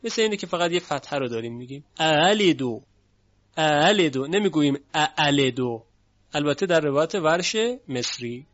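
A man's voice: on the high side, lively intonation. Man teaching Quran recitation rules, lo-fi. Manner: slow, explanatory, demonstrates sounds by chanting example words. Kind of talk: recorded lecture on recitation rules. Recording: dull lo-fi recording.

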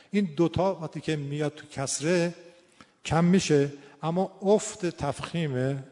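With a mellow, slightly high voice, a male teacher explains Quran recitation pronunciation before demonstrating it, drawing out and repeating syllables. The recording carries the long reverb of a hall.

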